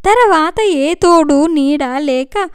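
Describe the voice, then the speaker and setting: A worried, tearful middle-aged mother, read by a woman storyteller, pleading as she talks. Her voice sits high. The sound is dry and close. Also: slow pace, no echo. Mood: anxious. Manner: emotional, pleading.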